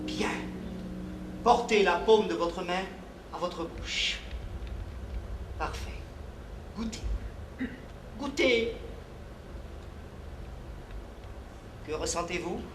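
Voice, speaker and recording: A man's voice: very high-pitched, big pitch swings, unhurried, background noise, heavily acted. An actor playing a flamboyant, self-important male showman doctor on stage, grandiloquent and full of stammering theatrical flourishes. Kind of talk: live stage play. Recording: echoey stage recording.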